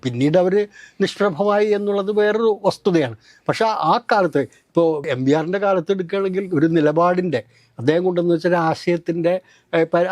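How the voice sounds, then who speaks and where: A man hosting a political discussion, explaining at length in a measured way. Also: high voice, a little mellow, no echo. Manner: measured and explanatory, with long recounting turns. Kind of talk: political analysis talk.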